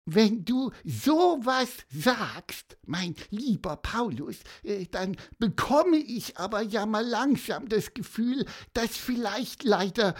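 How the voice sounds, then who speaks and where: A woman's voice: fairly high pitch, very animated, takes it slowly, few pauses, heavily acted. A woman voicing a sick, curious young male bird with a stuffy nose in a children's story, asking skeptical questions. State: stuffy-nosed, sneezing.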